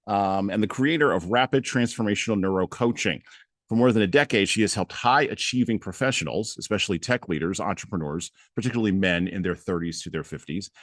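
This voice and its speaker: A man hosts a podcast interview in a very deep voice. He rambles casually, full of ums and restarts. The sound is dry and close. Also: no room sound. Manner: rambling, with many fillers and restarts. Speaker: podcast host.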